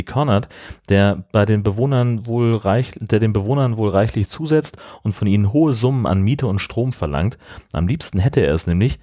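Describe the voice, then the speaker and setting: A man's voice: lowish voice, a little mellow, no room sound. A man narrating a film recap in a dry, mocking way. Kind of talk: scripted narration.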